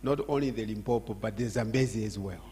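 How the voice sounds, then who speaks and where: A man's voice: on the low side, quick pace, dark tone. An older man from Zambia giving an emphatic church address as guest speaker, repeating his phrases with rising force.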